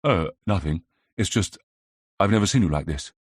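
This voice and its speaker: A man's voice: low-pitched, animated, moderate pace, no echo, clean studio sound. A man voicing a spirited young 1920s English lady in an audiobook, prim and easily cross. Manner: huffy, prim. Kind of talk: audiobook character reading.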